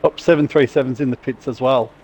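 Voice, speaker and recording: A man's voice: medium pitch, fast talker, a little mellow, slightly rough, highs cut off. A man talking casually to his racing team in short, clipped phrases, like a driver mid-race.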